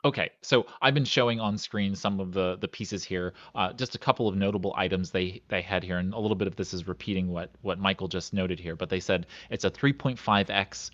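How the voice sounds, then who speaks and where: A man hosting a podcast, calmly reading out specs with many filler words. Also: deep voice, dull audio. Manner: measured, reads specs out, hedging fillers. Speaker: podcast host. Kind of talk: casual chat.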